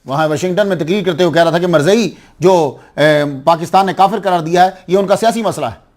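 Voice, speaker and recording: Impassioned high-voiced male preacher. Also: a little mellow. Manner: impassioned, rising to high exclaims, addresses audience with questions. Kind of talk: Urdu religious sermon.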